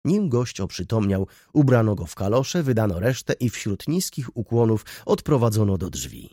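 Brief: male narrator, low and breathy, animated delivery, dry room. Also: moderate pace, no room sound. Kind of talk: audiobook narration.

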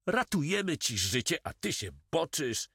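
A rough, eager pirate sailor barks in a voice pushed higher than a normal man's, as a male narrator puts him on. He is quick to obey and blunt with others, and the dry, close audiobook reading keeps him right up front. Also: sing-song, fairly bright tone, no room sound, full character voice. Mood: urgent.

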